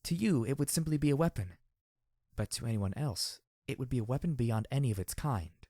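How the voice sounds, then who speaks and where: A man reading an audiobook, voicing a calm and distant female zebra spirit-medium who speaks in a slow, measured, solemn way. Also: medium pitch, no room sound, clean studio sound.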